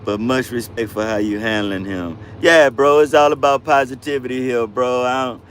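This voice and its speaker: A laid-back man in his fifties chatting on a livestream, his voice sitting at an ordinary middle pitch. He talks in loose, slang-heavy phrases and keeps calling his viewers bro and fam. Faint traffic noise hums in the background. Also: steady tone, moderate pace, a bit bright. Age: 50s. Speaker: livestream host, truck driver. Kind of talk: casual livestream chat reading viewer comments.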